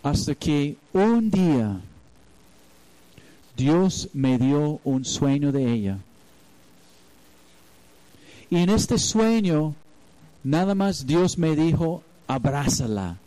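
Male pastor, sermon, slow delivery, mellow dark tone, storytelling. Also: fairly high pitch, sing-song, rough recording. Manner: storytelling, acts out quoted voices.

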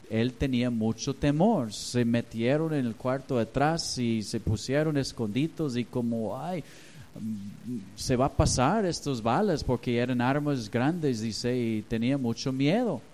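Slow, animated preacher man. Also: medium pitch, low-quality recording. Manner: animated, acts out voices in anecdotes. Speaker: pastor. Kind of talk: sermon with storytelling.

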